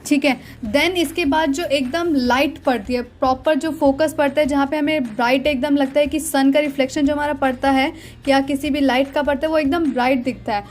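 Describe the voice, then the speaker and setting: High-voiced woman teaching shading. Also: steady tone, normal speed, slight background noise. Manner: explains step by step with repeated "dekhiye" and "theek hai". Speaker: art teacher. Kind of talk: drawing lesson narration.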